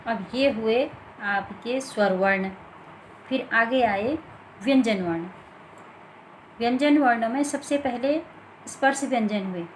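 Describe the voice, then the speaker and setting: A woman teaching a grammar lesson, explaining slowly and deliberately from written notes with many pauses. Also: a little high, slight background noise, poor audio.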